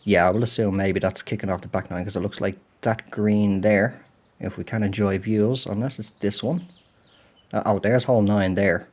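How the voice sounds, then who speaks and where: At normal speed and with a steady, darkish, fairly low voice, a British gaming channel host narrates a golf game playthrough casually. He's a bit throaty and blocked up from a cold, chatting, apologizing, and thinking aloud while he plays.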